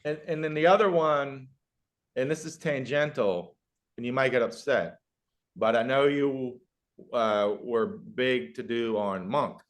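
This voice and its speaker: A man's voice: medium pitch, a little slow. A man hosting a podcast, asking rambling, enthusiastic questions that keep interrupting themselves. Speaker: podcast host. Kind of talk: casual podcast chat.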